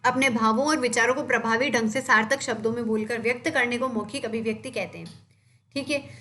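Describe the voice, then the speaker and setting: A woman's voice: fairly high pitch, steady tone, a little fast, a bit bright. A young woman teaching an exam-prep lecture, explaining step by step and answering her own questions.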